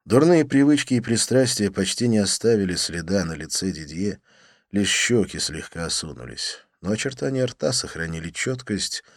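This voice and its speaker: Man narrating with lively, expressive pitch. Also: dry recording, studio quality. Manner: measured, expressive storytelling. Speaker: audiobook narrator. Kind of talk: first-person audiobook narration.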